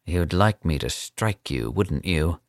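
A suave older captor, cold and amused, speaks, as a male narrator puts him on, in a very low, smooth voice. He drawls each line with easy condescension. The sound is close and dry. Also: animated, takes it slowly, no echo. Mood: dry, mocking.

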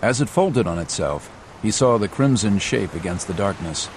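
A man narrating a scripted adventure audiobook in a measured, dramatic storytelling manner. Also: lowish voice, expressive, slight background noise.

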